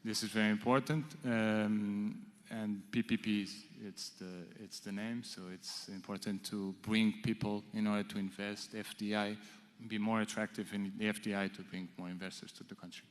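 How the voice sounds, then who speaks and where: Flat-voiced man, halting panel answer. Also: on the low side. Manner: halting, many restarts. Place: large conference hall. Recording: reverberant conference hall.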